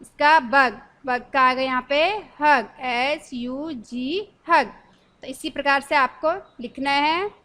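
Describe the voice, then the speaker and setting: A woman's voice: high-pitched, steady tone, sharp tone. A woman teacher leading a spelling lesson for young children, spelling each word out letter by letter and asking the class questions. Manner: slow, spells words letter by letter.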